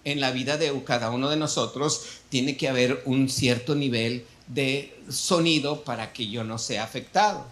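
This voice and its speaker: A man with a Mexican Spanish accent, a pastor telling an animated story in a sermon and acting out the dialogue. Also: medium pitch, moderate pace, few pauses. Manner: storytelling, animated, acts out dialogue with shifting volume.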